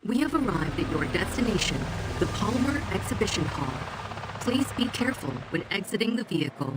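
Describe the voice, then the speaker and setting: A woman's voice: medium pitch, very animated, brisk, heavy background noise, natural voice. A woman voicing a courteous automated audio guide, making formal, welcoming, scripted announcements in a video game. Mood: pleasant, formal.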